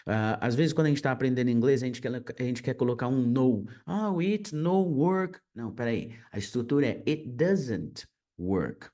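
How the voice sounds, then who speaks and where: A man from Brazil teaching an online English lesson. He explains in Portuguese and reads English example sentences slowly and deliberately. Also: medium pitch, warm tone.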